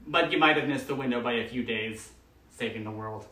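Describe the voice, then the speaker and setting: A man muttering quietly and offhand in behind-the-scenes outtakes. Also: mid-range voice, a little fast. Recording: roomy sound from a distance.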